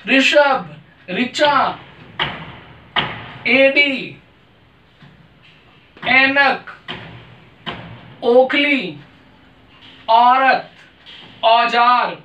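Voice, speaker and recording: Male teacher, bright voice, slow deliberate drilling of sounds; echoey room, mic set back. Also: extremely high pitch, far from the mic, a little hiss or hum. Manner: deliberate, spells out each sound and repeats it for practice. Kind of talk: grammar lesson to camera.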